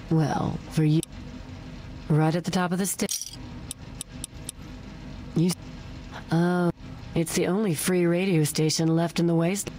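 An actress playing a weary, blunt barmaid who speaks in an offhand way. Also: female voice, fairly low pitch, warm tone.

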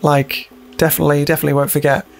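A man with a fairly high, creaky voice rattles through a horror game video very fast and in a flat delivery. As host, he jokes and swears casually, mutters to himself, and reads on-screen text aloud.

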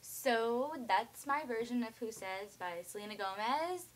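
A teenage girl with a raspy, hoarse voice, tired from lack of sleep, chatting casually to camera with lots of ums and likes. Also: fairly high pitch, animated, unhurried, a little hiss or hum. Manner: rambling, full of ums and likes. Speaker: cover singer and vlogger.

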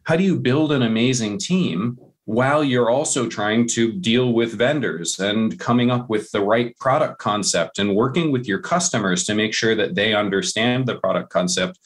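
A man with a fairly low voice talks as a guest on a casual podcast. He is passionate and emphatic and repeats key phrases for stress.

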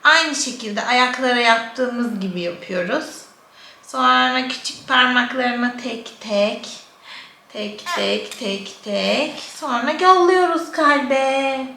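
A woman's voice: a little high, takes it slowly, creaky, sharp tone. A young woman, a mother, giving a casual hands-on demonstration at home while talking to her baby in affectionate sing-song asides. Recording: roomy echo, faint background noise.

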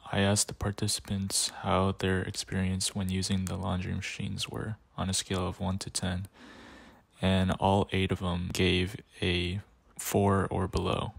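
A man's voice: low voice, gravelly, no room sound. A young man narrating a class project video about campus laundry rooms, reading plainly. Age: young adult. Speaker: student presenter.

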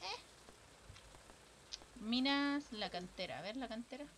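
A woman's voice: a little high, expressive, slow, fairly bright tone, a little hiss or hum. A young woman with a Chilean accent, casually commentating a live game stream, chatting with viewers and swearing freely.

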